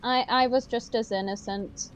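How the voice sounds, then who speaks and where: A woman's voice: fairly high pitch, steady tone, normal speed, a loud crowd. A British woman chatting and teasing on a voice call, laughing often. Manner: giggly and teasing. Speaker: voice call guest. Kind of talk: casual chat. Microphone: voice chat microphone.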